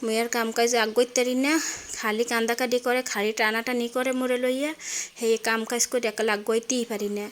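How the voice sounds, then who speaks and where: A young mother with a Barishal accent chats through her day in a home vlog, her voice sitting a little high. She talks casually and keeps turning to the viewer to check they are following. The tone is loose and conversational. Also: little pitch movement, a little fast. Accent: Barishal dialect of Bengali. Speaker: vlogger.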